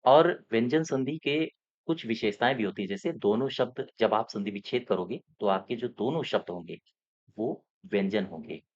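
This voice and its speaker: A male exam coaching teacher with a fairly low voice goes through mock test answers. He repeats the key points and keeps checking that his students are following. The sound is muffled and lo-fi. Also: moderate pace.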